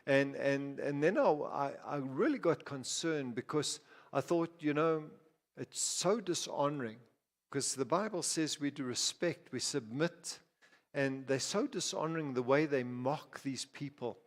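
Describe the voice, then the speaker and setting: A pastor from Zimbabwe preaches a sermon in church, talking conversationally with frequent restarts, asides and repeated words. His voice is medium-pitched and a little slow, and the hall is reverberant.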